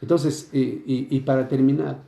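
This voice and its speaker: A man's voice: medium pitch, steady tone, moderate pace, gravelly, mellow. A man preaching a sermon as pastor, explaining scripture and asking his listeners frequent rhetorical questions. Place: church sanctuary. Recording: echoey church room.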